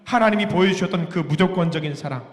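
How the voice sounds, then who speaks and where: A man's voice: high-pitched, fast talker. A male pastor preaching a sermon in a church sanctuary, asking the congregation questions, joking with them and repeating key phrases with rising emphasis. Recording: echoey hall with long reverb.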